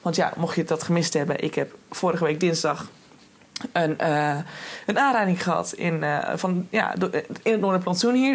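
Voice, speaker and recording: A woman's voice: on the low side, breathy edge. A young woman hosting a solo podcast, talking in a chatty, casual way with many fillers and restarts. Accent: Dutch. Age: young adult. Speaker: podcast host.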